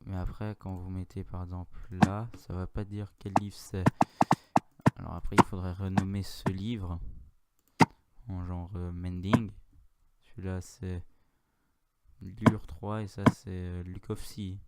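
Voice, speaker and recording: Slow, low-voiced French gamer tutorial. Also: male voice, little pitch movement, heavy background noise. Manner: rambling, self-correcting, chatty with asides and filler sounds. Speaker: Minecraft tutorial youtuber. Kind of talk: casual screen-recorded game tutorial. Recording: audible mouse and keyboard clicks.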